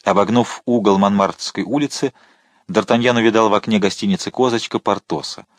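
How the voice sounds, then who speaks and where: A man narrating a novel as an audiobook, in a measured, expressive reading. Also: fairly low pitch, no room sound.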